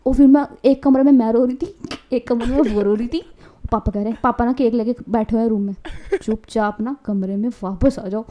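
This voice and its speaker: A woman's voice: fairly high pitch, quick pace. A young woman co-hosting a podcast, telling a family story in casual chat and acting out her relatives. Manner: animated, mimics family members. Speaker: podcast co-host.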